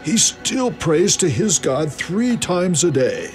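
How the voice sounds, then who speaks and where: An actor playing a deferential, nervous scheming official in a theatrical Bible drama. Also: male voice, on the high side, big pitch swings, slow, a little mellow, soft background music.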